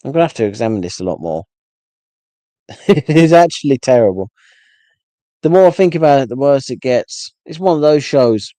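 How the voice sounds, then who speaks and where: A man's voice: medium pitch, lively intonation, moderate pace, long pauses, mellow, no room sound. A man hosting a casual solo rant, rambling with frequent restarts and exasperated asides. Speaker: solo livestream host.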